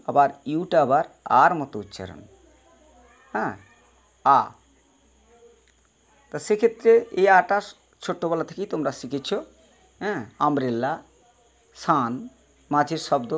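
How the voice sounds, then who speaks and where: A male teacher giving a pronunciation lesson, slowly spelling out words and patiently repeating each sound for his students. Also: a little high. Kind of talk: spoken English pronunciation lesson.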